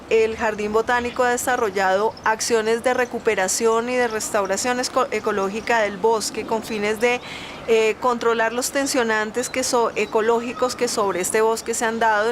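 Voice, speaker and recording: Higher-voiced woman over clear background noise. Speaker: botanical garden representative. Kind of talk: formal technical explanation on camera. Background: ambient noise and vehicles.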